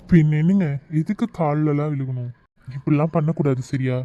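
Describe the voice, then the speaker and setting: A calm, gently teasing young man, played by a woman speaks quietly and kindly in this amateur audio drama. His voice is low and mellow. The recording is dry and somewhat lo-fi. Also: unhurried, dry recording. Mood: gentle. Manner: gentle, soft-spoken, playfully teasing.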